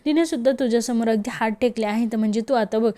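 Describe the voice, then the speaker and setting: A woman's voice: a little high, quick pace, warm tone, close to an everyday voice. A woman voicing an exasperated man who lectures a younger relative, within a narrated serial recap. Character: exasperated male uncle figure, lecturing.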